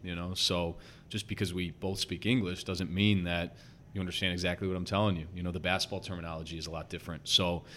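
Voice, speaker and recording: A young adult man with a slight Chicago accent appears as a guest on a casual podcast interview, where he's a basketball head coach. His very deep voice stays quite flat as he talks earnestly and fast, packing in lots of "you know" and "um." A faint low rumble sits behind him.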